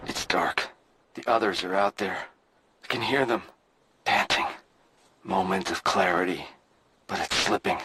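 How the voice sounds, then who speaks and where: An actor playing an unhinged male expedition survivor losing his mind, speaking in halting, breathy fragments. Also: deep voice. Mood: dazed. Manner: clipped, broken phrases with sudden outbursts. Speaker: game character, expedition survivor. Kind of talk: recorded journal monologue. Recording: noisy game audio.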